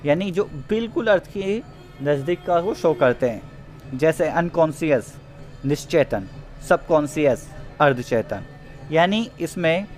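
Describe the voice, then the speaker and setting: A man teaching a grammar lesson in Hindi, who reads example sentences slowly, then explains them and answers his own questions. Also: a little high, darkish tone.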